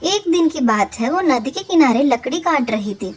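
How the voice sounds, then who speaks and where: A woman narrates a cartoon fable in a steady, plain storytelling manner. Her voice sits high. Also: normal speed.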